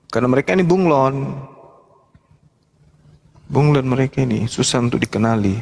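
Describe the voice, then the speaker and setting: A man with a gravelly, creaky voice hosts a live religious discussion stream. He speaks bluntly and mocks his opponents. The sound carries a long hall reverb. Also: medium pitch, animated, moderate pace, darkish tone. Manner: blunt, mocking. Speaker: host.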